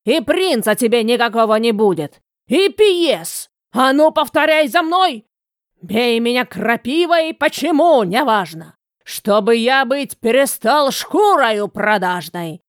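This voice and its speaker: A mocking talking rose with a high, wailing voice that scolds and taunts, as a woman reads her in a storybook. The sound is dry and close, with no room around it. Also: lively intonation, slow pace, no echo. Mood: scolding. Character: sharp-tongued talking red rose, female, mocking.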